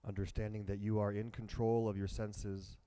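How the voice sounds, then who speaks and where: A man leading a guided meditation and breathing practice, speaking slowly and calmly in a soft voice. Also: fairly low pitch, clean tone. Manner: slow, calm and soft-spoken. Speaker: meditation teacher.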